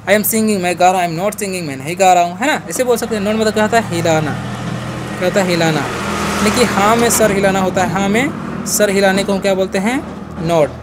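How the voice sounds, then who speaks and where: High-voiced man teaching English words. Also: heavy background noise. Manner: spells words letter by letter, slows down for English example sentences; repeats each question and answer as a drill. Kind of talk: phonics and vocabulary lesson.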